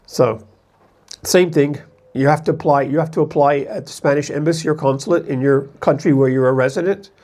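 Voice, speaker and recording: Speaking fairly quickly in a higher, mildly mellow voice, a man from the US talks to camera as an expat vlogger. His style is loose and rambling, full of self-corrections.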